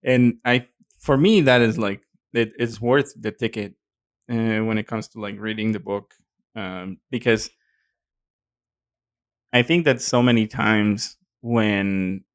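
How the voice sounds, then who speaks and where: A man with a Mexican accent co-hosts a podcast, chatting casually with many fillers and hesitations. His lowish voice is steady and unhurried, recorded with clean studio sound and no echo.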